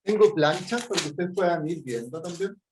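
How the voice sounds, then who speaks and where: Halting Chilean man giving an online talk. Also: fairly high pitch, animated, background noise. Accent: Chilean Spanish. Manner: halting, many fillers and restarts, keeps checking in with "¿ya?". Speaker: artist and teacher giving a workshop talk. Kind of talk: informal presentation over a video call.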